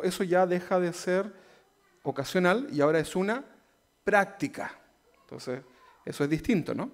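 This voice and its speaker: A man with a slightly high voice and a Chilean accent preaches to his church. He talks in a plain, conversational way. He keeps turning to the listeners with quick questions. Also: darkish tone. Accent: Chilean Spanish. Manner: conversational preaching, asks the congregation "¿verdad?" and "¿no?" often. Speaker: pastor. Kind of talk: sermon.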